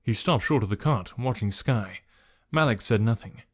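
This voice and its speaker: A man reading a novel aloud in a measured, even storytelling manner. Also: fairly low pitch, breathy edge. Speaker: narrator. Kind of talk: scripted narration.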